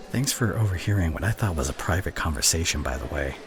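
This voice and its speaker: A low-pitched male voice actor plays an exasperated, teasing college student in an ASMR roleplay, voicing one side of a conversation. His delivery is halting, sighing, and sarcastic. Background ambience noise is clearly audible.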